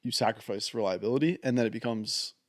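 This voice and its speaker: Young guy guest on a podcast, laid back, kinda halting, dry close sound. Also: lowish voice, no room sound. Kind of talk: casual chat.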